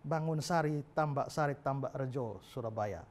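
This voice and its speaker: A man's voice: medium pitch, moderate pace. A male pastor preaching a sermon in a humorous storytelling manner.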